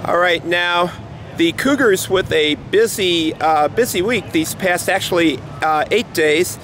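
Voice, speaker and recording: Man, high voice, sports interviewer, hesitant with uhs, outdoors, traffic noise behind. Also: unhurried, fairly bright tone. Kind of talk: postgame interview. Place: outdoors at tennis courts, off camera.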